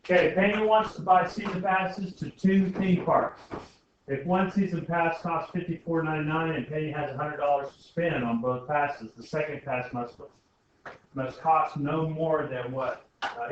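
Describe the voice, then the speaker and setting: An algebra teacher, a man with a slightly high, somewhat slow voice, leads an informal class lesson, thinking aloud and often checking in with students through questions. The indoor classroom is very echoey, and the distant mic leaves the sound muffled with faint noise.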